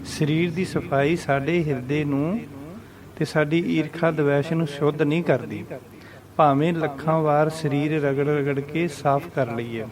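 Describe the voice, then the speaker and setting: A man teaching a scripture pronunciation lesson, reciting verses slowly and deliberately and repeating corrections. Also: on the high side, steady tone, crowd noise. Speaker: Gurbani teacher.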